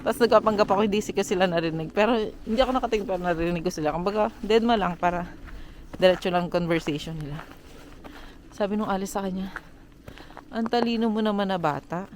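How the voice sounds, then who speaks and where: A woman's voice: mid-range voice, quick pace, a little hiss or hum. A woman in her thirties from the Philippines, a mom and vlogger chatting casually and telling stories with lots of laughter. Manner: chatty, animated storyteller who laughs often. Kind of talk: casual storytelling vlog.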